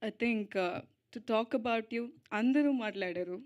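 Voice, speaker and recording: A young woman speaking at an event on stage into a mic, switching between Telugu and English, halting with fillers and little giggles, slow and heartfelt. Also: on the high side, highs cut off. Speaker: lead actress giving a speech. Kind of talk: emotional stage speech at a film event.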